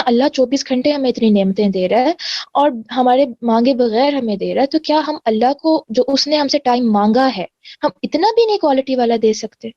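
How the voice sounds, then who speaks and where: A woman's voice: fairly high pitch, warm tone, no room sound, lo-fi sound. A woman teaching a religious lesson, explaining earnestly and mixing in English words. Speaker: Quran teacher.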